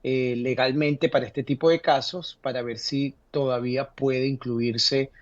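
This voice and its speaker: A man explaining legal matters to viewers, pausing often on fillers and restarting his sentences. His voice sits in an ordinary middle register and comes through dry, with no room sound. The audio is dull and lo-fi, like a remote link. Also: medium pitch, fairly even intonation, dry recording. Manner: halting, many fillers and restarts. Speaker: legal guest answering viewer questions. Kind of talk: live call-in advice segment.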